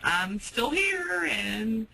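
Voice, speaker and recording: A woman's voice: a little high, big pitch swings, very slow, creaky, pushed and bright, slight background noise, low-quality recording. Woman on a remote line that cuts out. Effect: remote audio line cutting in and out. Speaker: webinar presenter. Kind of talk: business webinar presentation.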